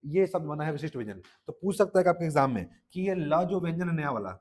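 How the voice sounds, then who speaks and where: Casting: a male Hindi teacher with a Chhattisgarhi accent, fairly high voice, lecturing for exam prep and quizzing the class. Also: animated, quick pace, a little mellow. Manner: repeats "ठीक है" and quizzes listeners.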